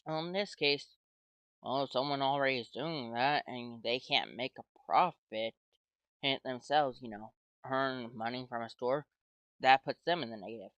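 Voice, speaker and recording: A man's voice: mid-range voice, moderate pace, fairly bright tone, dry recording, dull audio. An American man rambling hesitantly in casual commentary as a YouTuber, talking his way through his thoughts with lots of "well" and "like". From United States. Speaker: YouTuber playing a game.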